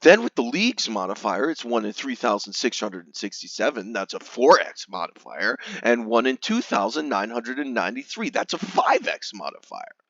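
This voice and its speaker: A man with a medium-pitched voice delivers a theatrical, hammy reading like a stage actor. He is mock-grave, leaning hard on key words and then dropping to a hush. The sound is dry and close, with a slightly dull top end. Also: huge pitch swings, moderate pace, few pauses, no room sound. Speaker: reader of a gamer's forum post.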